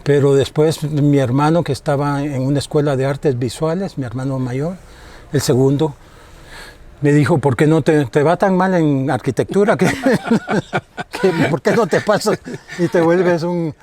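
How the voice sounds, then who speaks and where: A man's voice: a little high, a little slow, a little mellow. An older man from El Salvador, a guest in an interview, answering thoughtfully with many fillers. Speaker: guest, photographer and filmmaker.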